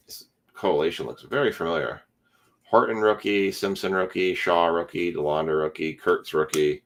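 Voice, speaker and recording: A man's voice: low-pitched, normal speed. A tired man hosting a casual card break, calling out player names as he opens packs. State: tired, yawning.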